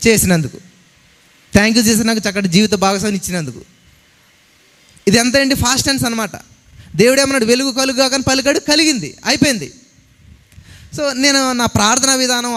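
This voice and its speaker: A man preaching a sermon in a church, lively and acting out quoted conversations. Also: extremely high pitch. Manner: animated, mixes English words, acts out quoted dialogue. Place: church hall. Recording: long hall reverb.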